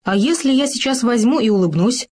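A fretful young gopher from a storybook, doubtful and quick to take offence, pitched a little higher than the teller's own voice. A woman reads him aloud. He sounds squeaky and easily ruffled. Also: animated, dark tone. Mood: tentative. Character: young male gopher, anxious and quick to anger.

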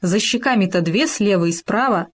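A woman voicing a small, clever male hamster, speaking in a squeaky, innocent and patient way in a storybook reading. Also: moderate pace, natural voice. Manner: calm, innocent, explaining patiently.

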